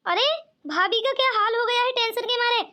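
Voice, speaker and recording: A woman's voice: extremely high pitch, a little fast, sharp tone. A woman voicing a sly young sister-in-law in a cartoon comedy, showing fake sympathy and mocking behind backs.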